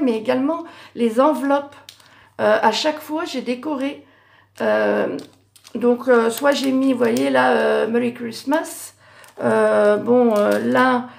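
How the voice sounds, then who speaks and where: In a casual craft vlog, a middle-aged woman shows off Christmas cards she made by hand, her fairly high, darkish-toned voice turning hoarse. She's hesitant, full of fillers, and keeps correcting herself.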